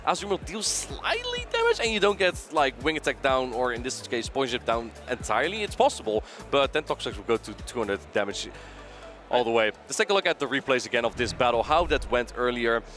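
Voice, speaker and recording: A man doing live tournament commentary, talking quickly and excitably and repeating himself as he thinks. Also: medium pitch, soft background music. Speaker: esports commentator.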